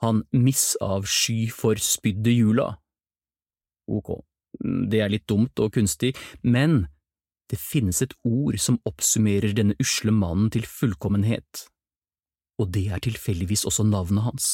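A man reads a storybook aloud in a mellow, fairly low voice. He keeps stepping out of the tale for playful, chatty asides to the listener. The sound is close and dry. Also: breathy edge, no room sound. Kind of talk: storybook narration.

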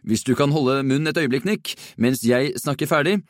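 A man's voice: medium pitch, a little mellow, dry recording, studio quality, pitched above the performer's own voice, natural voice. A man voicing a stiff, weary school inspector who speaks formally with careful pronunciation. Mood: irritated.

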